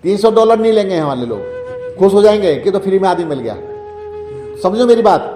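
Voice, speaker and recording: Brisk and highly animated, the same high-pitched man keeps preaching health and meditation advice to his listener, circling back to repeated phrases and rhetorical questions. Faint music sits beneath a roomy, long-reverb echo.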